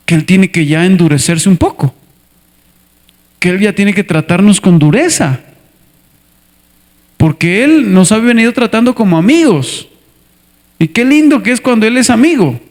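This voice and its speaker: A man preaching a sermon as a pastor, animated, acting out little scenes and asking the congregation to answer back. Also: sits high, a little slow, pauses often. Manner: animated, asks the congregation for responses; acts out scenes with character voices. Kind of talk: lively sermon with acted skits.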